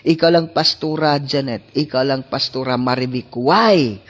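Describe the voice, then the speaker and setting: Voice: mid-range voice, normal speed. A preacher with a Filipino accent giving a sermon, moving between English and local languages and repeating phrases for emphasis. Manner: mixes English with Tagalog and Cebuano.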